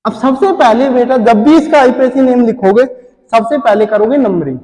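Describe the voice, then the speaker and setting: A man's voice: very high-pitched, normal speed, darkish tone, big-room sound, poor audio. A man teaching pharmacy in a lecture, repeatedly asking questions and answering them himself while drawing on a board. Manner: repetitive quizzing, asks then answers himself. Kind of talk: classroom lecture.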